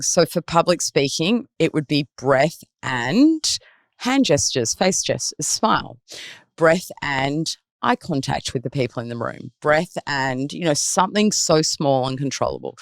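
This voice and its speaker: A woman working as a performance mindset coach, explaining ideas in an animated way in a podcast interview. She asks guiding questions and acts out anxious inner voices. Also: low-pitched, a little slow, no echo, studio quality.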